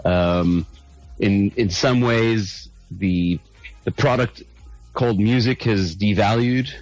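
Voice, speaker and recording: A middle-aged South African man, lead singer of a band, is a guest in a casual interview, talking thoughtfully and hesitantly with many restarts. His voice sits on the low side and he speaks slowly. The audio is dull, with faint music in the background.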